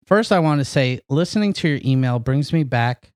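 A man with an easygoing, mid-pitched voice who chats and laughs on a podcast and reads listener mail aloud. The recording is dry and close, with no room sound. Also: lively intonation, normal speed, dry recording. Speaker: podcast co-host. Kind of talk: casual podcast banter and reading emails aloud.

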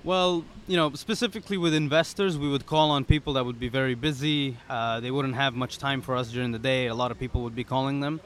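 A man's voice: medium pitch, quick pace, hardly any pauses, slight background noise. Young man talking easily as a startup founder. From Serbia, raised in the UAE. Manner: relaxed, frequent "you know". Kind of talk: casual interview. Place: pop-up studio at a conference.

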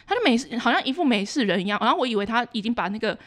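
A woman's voice: fairly high pitch, big pitch swings, a bit bright. A woman with a Taiwanese Mandarin accent, co-hosting a casual podcast and retelling a workplace story in an exasperated rant. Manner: fast, exasperated ranting retelling. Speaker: podcast co-host.

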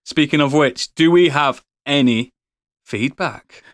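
A man's voice: on the high side, takes it slowly. A man co-hosting a podcast, trading jokes and swearing in casual banter. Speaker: podcast co-host. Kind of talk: casual chat.

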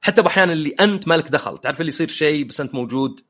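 A man's voice: fairly high pitch, very fast, fairly bright tone. A man hosting a casual podcast chat, telling jokey personal anecdotes. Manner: anecdotal, joking storyteller. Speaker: podcast host.

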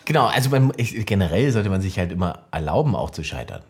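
A man's voice: low voice, sing-song, quick pace, a little hiss or hum. A man co-hosting a podcast, chatting casually and rambling through ideas with many restarts. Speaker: podcast co-host. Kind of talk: casual chat.

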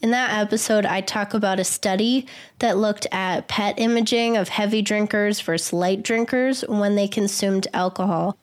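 Hoarse woman hosting a podcast. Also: medium pitch. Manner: earnest, explanatory. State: hoarse from a cold. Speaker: podcast host. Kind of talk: solo podcast monologue.

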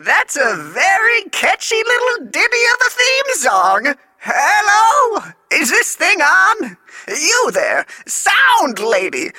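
A woman playing a rambling, hard-of-hearing old man who shouts and grumbles as a kids' podcast co-host. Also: very high voice, wildly swooping pitch, slow, no room sound, soft background music, heavily acted. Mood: grumbling. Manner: shouty, grumbling, easily distracted. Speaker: morning show co-host. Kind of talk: kids' podcast character comedy.

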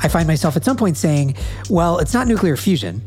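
Guy hosting a podcast, kinda nasal cuz he's got a cold, brisk and clear. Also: on the high side, big pitch swings, darkish tone, soft background music. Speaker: podcast host. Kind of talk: podcast interview.

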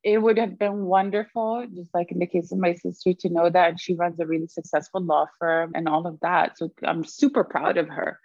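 Low-voiced woman, dry muffled audio. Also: steady tone, normal speed, hardly any pauses, a little mellow, dry recording. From Sweden. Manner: reflective, laughs often. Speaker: guest. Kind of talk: conversational interview.

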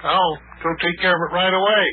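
A folksy, kindly taxi-driving inventor. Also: male voice, sits high, fairly even intonation, fast, slightly rough. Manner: folksy, hesitant, calls the boy lad. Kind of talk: 1950s radio acting. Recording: lo-fi old radio broadcast.

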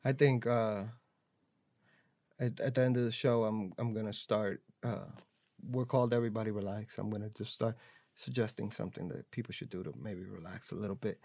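A man's voice: on the low side, steady tone, fairly quick, vocal fry, darkish tone, no room sound. A man hosting a casual podcast chat, loose and joking, often stumbling and restarting his words. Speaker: podcast host.

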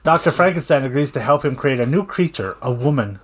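A man's voice: mid-range voice, lively intonation, brisk, breathy edge. A man co-hosting a casual podcast, reading out film details with dry jokes. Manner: dry joking, reads out movie details. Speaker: podcast co-host. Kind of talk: casual chat.

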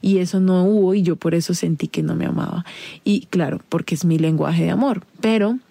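A woman's voice: lowish voice, brisk, vocal fry, dark tone, dry recording. A woman hosting a podcast, speaking directly and confidingly to the listener in a casual advice monologue. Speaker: podcast host.

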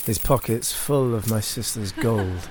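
In a high fantasy audio drama, an actor plays a cunning, disgraced young noble narrating his own tale in first person, with sardonic, literary bitterness and a wry, brooding mood. His theatrical delivery is only lightly acted, in a lowish voice at a slightly slow pace. The background is noisy.

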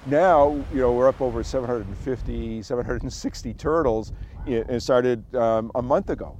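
An older man, a biologist, giving halting, matter-of-fact remarks in an interview. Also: mid-range voice, a little mellow, dull audio, a little hiss or hum. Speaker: biologist, turtle rescuer.

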